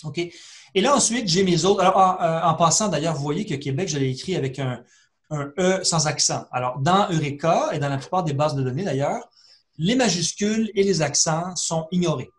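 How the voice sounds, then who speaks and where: A man's voice: a little high, moderate pace. A man, a librarian, talks through a screen-share tutorial in a conversational way, full of fillers and restarts. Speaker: librarian giving a webinar.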